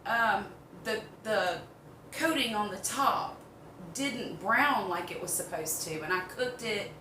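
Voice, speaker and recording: A woman's voice: fairly high pitch, pushed and bright. An older woman with a Southern US accent chatting casually in a folksy, rambling way as she gives a home cooking demonstration. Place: home kitchen. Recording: roomy, distant mic, background noise.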